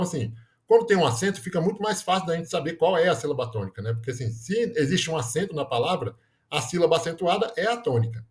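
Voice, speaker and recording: Guy teaching a grammar class, kinda high voice, keeps going "né?". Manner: explanatory, frequent "né?" tags, self-corrections. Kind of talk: grammar lesson.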